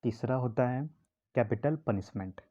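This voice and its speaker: Guy teaching vocab, slow and repetitive, mellow dark voice, kinda dull lo-fi recording. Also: medium pitch. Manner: explains slowly, repeats key words, asks and answers his own questions. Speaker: English teacher. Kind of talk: classroom-style vocabulary lesson.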